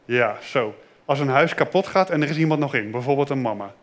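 A man giving a children's sermon in a simple, gentle way, asking the children questions and repeating their answers. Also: medium pitch, expressive, brisk. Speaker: children's pastor.

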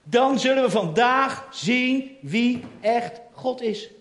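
A man's voice: extremely high pitch, expressive, slow pace, fairly bright tone, pitched above the performer's own voice, exaggerated voice. A man playing a bold, mocking prophet. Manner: teasing, sarcastic, casual. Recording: roomy echo.

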